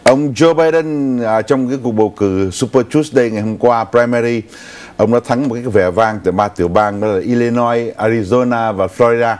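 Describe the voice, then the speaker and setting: A man's voice: medium pitch, normal speed, a little mellow. An older man co-hosting a news talk show in a TV studio, recounting stories unhurriedly with some fillers.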